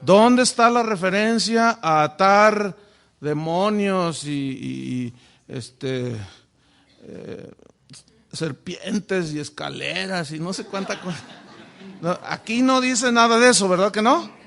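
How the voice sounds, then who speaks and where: Sitting high and fairly bright with some creak, this man's voice takes things slowly. He's a pastor leading a sermon-like Bible lesson in a church classroom with a whiteboard, often posing rhetorical questions to the audience.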